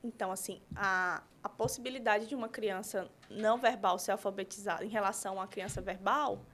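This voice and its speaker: Uma mulher convidada, pedagoga e terapeuta, explicando com exemplos numa conversa de podcast e pontuando as frases com "né?". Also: female voice, mid-range voice, brisk, a bit bright. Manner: explains with examples, frequent "né?". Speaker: guest, pedagogue and therapist.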